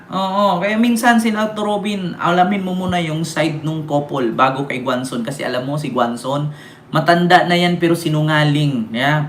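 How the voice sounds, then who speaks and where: A man's voice: sits high, fairly bright tone, a little hiss or hum. A man from the Philippines doing heated political commentary as a vlogger, scolding his target and reading out viewer comments, with constant rhetorical questions. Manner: scolding, rhetorical, keeps asking "di ba?". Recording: echoey room with faint ambience.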